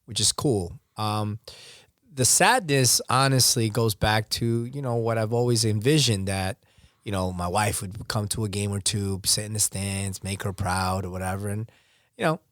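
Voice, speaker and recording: A man speaking as a guest on a casual podcast, opening up candidly in halting sentences full of fillers that often trail off softer. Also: on the low side, fairly even intonation, dry recording, studio quality. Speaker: podcast guest, basketball referee.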